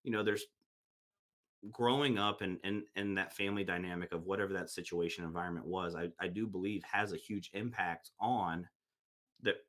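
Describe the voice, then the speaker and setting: A podcast host with a low, slightly bright voice speaks at a normal speed. He's in a casual interview chat, rambling along with many fillers and restarts.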